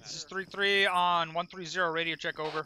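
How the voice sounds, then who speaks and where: A man's voice: sits high, steady tone, brisk, pushed and bright, smooth, low-quality recording. A man working as a squad leader, giving military orders and radio calls outdoors. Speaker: squad leader in field training. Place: outdoors in a field exercise.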